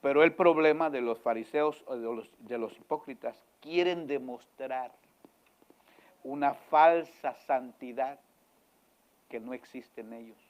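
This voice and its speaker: A male pastor preaching in church, swinging from loud emphatic lines to hushed ones and questioning his congregation again and again. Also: medium pitch, measured pace. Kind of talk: sermon.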